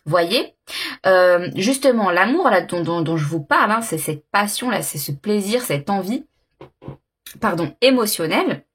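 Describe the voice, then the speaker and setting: A woman with a slightly husky, breathy voice reads tarot cards for her viewers in a relaxed, searching way. She pauses often on fillers and repeats her words as she works out what she senses. Her pitch sits in an ordinary middle range. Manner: hesitant, many fillers and repeated words, intuitive musing. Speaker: tarot card reader. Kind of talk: casual monthly tarot reading to camera.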